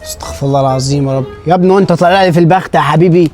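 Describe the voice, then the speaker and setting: A man with an Egyptian Arabic accent playing a gruff, scolding shopkeeper in a comedy sketch. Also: a little high, a little mellow, faint music behind. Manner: gruff, scolding, quick-tempered.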